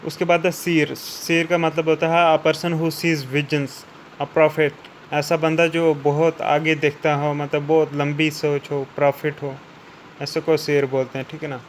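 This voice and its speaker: A man with a fairly high, flat, even voice talks through word meanings as a vocabulary teacher. He often checks in with a quick "theek hai na" and slows down when he reads out the English definitions. A faint hum of air conditioning runs underneath. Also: rough recording. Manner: repeats "ठीक है ना" after each point, slows down for English definitions. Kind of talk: explaining word meanings in Hindi.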